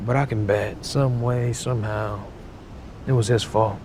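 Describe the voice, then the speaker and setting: A man's voice: mid-range voice, fairly even intonation, a little slow, very noisy, lightly acted. An actor playing a blunt, streetwise man who brushes off worries in a curt, dismissive way. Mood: brusque.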